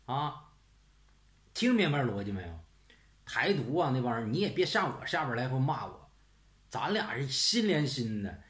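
A channel host with a medium-pitched, slightly bright voice rants bluntly and sarcastically in a casual tone, swearing often. He keeps firing rhetorical questions with a "是不是" tag, and the room echoes.

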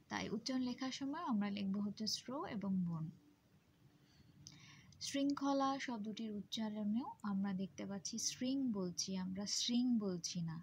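Woman teaching pronunciation slowly and carefully. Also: mid-range voice, a little mellow, a little hiss or hum. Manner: slow, careful, spelling out sounds and syllables. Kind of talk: Bengali pronunciation lesson.

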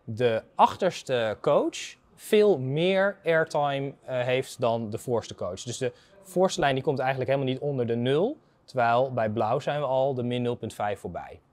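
A man's voice: mid-range voice, a little slow, a little mellow. A man in his thirties giving a conversational technical explanation as an expert guest, didactic and step by step. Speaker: expert guest, data analyst. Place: indoor garden atrium of a university building.

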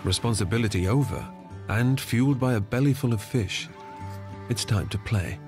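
A man reading scripted nature documentary narration in a measured storytelling manner. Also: mid-range voice. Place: studio voice-over. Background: background music.

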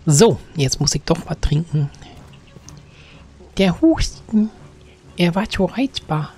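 A man giving casual gameplay commentary, chatting to game characters with sudden excited outbursts. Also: a little high, takes it slowly, breathy edge. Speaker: gaming let's-player. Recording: faint game music behind.

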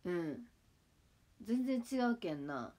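A woman's voice: lowish voice, takes it slowly. Chatty young woman with Kagawa dialect. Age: 20s. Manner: relaxed, chatty, answers viewer comments. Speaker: idol livestream host. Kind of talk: casual livestream chat reading comments.

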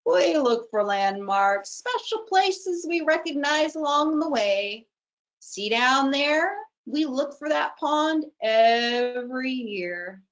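A woman voicing a kind male crane who explains slowly and patiently in a storybook reading. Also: high-pitched, lively intonation, pitched above the performer's own voice.

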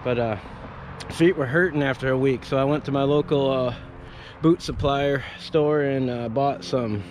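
Perched in a tree and recording on a head-mounted action camera, this thirtysomething arborist rambles casually through a gear review, restarting often and leaning on fillers. He speaks at a moderate pace in a mid-range, slightly mellow voice with fairly even intonation, over slight background noise.

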